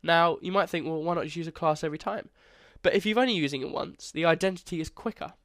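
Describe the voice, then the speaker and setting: Speaking through congestion, a young coding tutor gives a beginner screen-recorded lesson in a casual, chatty style, frequently restarting phrases and correcting himself. He talks fast in a bit bright voice that's a little high for a man, recorded dry and close with no room sound.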